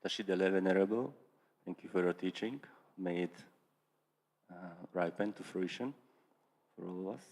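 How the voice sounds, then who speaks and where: Really low male voice, student asking a question, hesitant, searching for words, reverby hall. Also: moderate pace, long pauses, darkish tone. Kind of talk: question at a teaching.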